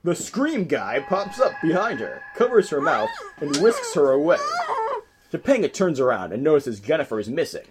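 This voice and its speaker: A man reading stage directions aloud in a script table read, with a lively, expressive delivery. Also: on the high side, normal speed, slight background noise.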